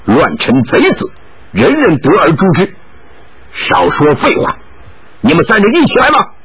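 A man's voice: a little high, huge pitch swings, a little slow, a bit bright, breathy edge, highs cut off, exaggerated voice. A man voicing a proud, hot-tempered young swordsman who speaks coldly and sternly. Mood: stern angry. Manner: stern, cold, angry.

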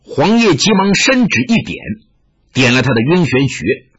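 A man narrating a martial-arts tale with dramatic, animated delivery. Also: a little high, moderate pace, husky. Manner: animated, rising and falling with the action. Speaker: storyteller. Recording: muffled lo-fi recording.

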